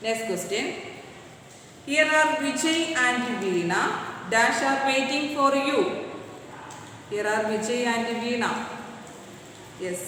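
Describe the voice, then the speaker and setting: A woman teaching an English grammar class with a Malayali accent, reading English slowly and explaining quickly in Malayalam. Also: fairly high pitch, expressive, pushed and bright, slight background noise. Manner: slow deliberate English, rapid Malayalam explanations. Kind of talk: recorded online class lesson. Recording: echoey room, distant mic.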